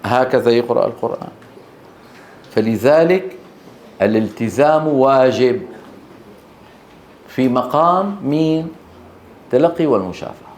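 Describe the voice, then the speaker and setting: A man's voice: mid-range voice, lively intonation, unhurried, long pauses, darkish tone, a little hiss or hum. A man with a Levantine Arabic accent teaching Quran recitation to a class in a hall, speaking emphatically and quizzing his students with short questions. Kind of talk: classroom lecture. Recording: echoey room.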